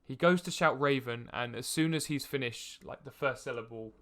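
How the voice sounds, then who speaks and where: A man's voice: medium pitch, normal speed, a bit bright. A young man narrating as game master in a tabletop game, hesitant with many fillers and restarts. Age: young adult.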